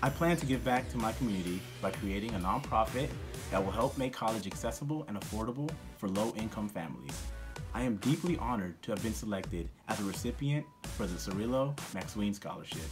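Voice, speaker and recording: Fast-talking earnest young man. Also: fairly low pitch, lively intonation, music in the background. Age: young adult. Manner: earnest, formal. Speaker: scholarship recipient. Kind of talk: prepared thank-you statement.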